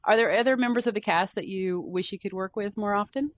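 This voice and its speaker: A woman's voice: mid-range voice, quick pace, no echo. A woman interviewing an actor in a chatty, enthusiastic way. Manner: chatty, enthusiastic fan questions. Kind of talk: casual interview chat.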